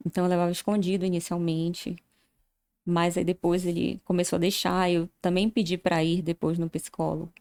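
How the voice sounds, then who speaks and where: A woman tells her own story as a podcast guest, earnest and steady. Her voice is mellow and warm, and she acts out the lines of people she remembers. Her pitch sits in the middle for a woman. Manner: earnest storytelling, often acting out remembered dialogue. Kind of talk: personal testimony in an interview.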